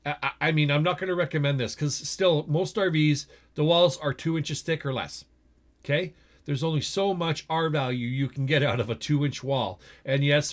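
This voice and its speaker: Middle-aged Western Canadian man, casual and opinionated. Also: mid-range voice. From Edmonton, Alberta, Canada. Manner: conversational, opinionated, often asks "okay?" and "right?". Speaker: vlogger, RV store general manager. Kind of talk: casual explanatory vlog talk.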